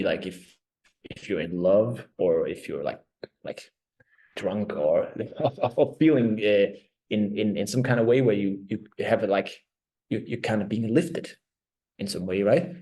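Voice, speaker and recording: This band vocalist and lyricist from Denmark is a man in his thirties, a native Danish speaker with a Danish accent. Giving thoughtful interview answers, he frequently pauses and gropes for words; his voice is on the low side with a dark tone, captured in a low-quality recording.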